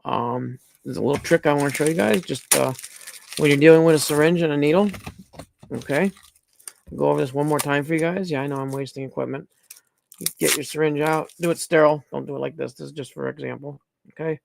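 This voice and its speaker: A man's voice: a little high, vocal fry. A middle-aged man hosting a casual livestream, talking bluntly, rambling and swearing freely as he demonstrates things. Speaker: livestream host.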